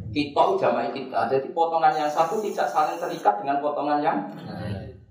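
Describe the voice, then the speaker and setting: An older man preaching a sermon in a storytelling way, reciting scripture verses and mixing in chatty asides, recorded in a reverberant room some distance from the mic. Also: a little high. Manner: animated storytelling, mixing Javanese and Indonesian, reciting Quranic verses. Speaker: Islamic preacher. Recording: roomy echo, distant mic.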